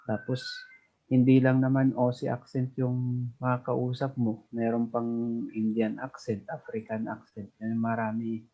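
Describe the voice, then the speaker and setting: A man from the Philippines tells his stories slowly and easily, as a podcast guest. His voice sits at an ordinary middle pitch. The remote call audio sounds dull and lo-fi. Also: completely flat delivery. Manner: unhurried, easygoing storytelling. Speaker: guest, overseas worker. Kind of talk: casual chat.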